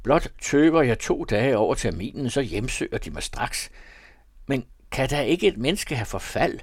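A man voicing a merry, indebted young gentleman who speaks with mock-pompous exuberance. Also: mid-range voice, sing-song, no room sound, studio quality, pitched above the performer's own voice. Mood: exuberant.

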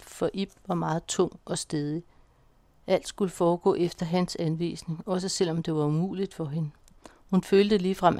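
Gravelly woman narrating an audiobook. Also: fairly low pitch, no echo. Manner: steady, measured storytelling.

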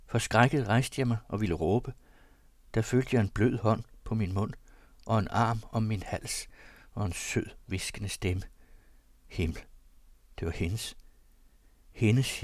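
A man with a fairly low voice reads an old diary aloud in the first person. His delivery is emotional, sinking into hushed confession and rising into agitated outbursts. The sound is dry and close. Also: dry recording. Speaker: reader.

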